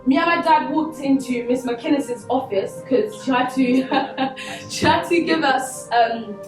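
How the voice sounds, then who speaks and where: A woman's voice: high-pitched, a little slow. A young woman from Congo giving an earnest, conversational motivational talk to students at a school, with many fillers like "you know". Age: young adult. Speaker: guest speaker at a school. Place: school hall. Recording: echoey hall, distant mic, music behind.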